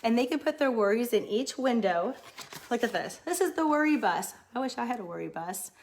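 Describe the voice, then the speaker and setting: A middle-aged woman who runs a daycare, chatting casually and excitedly on a livestream. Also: a little high, brisk, slight background noise. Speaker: daycare owner.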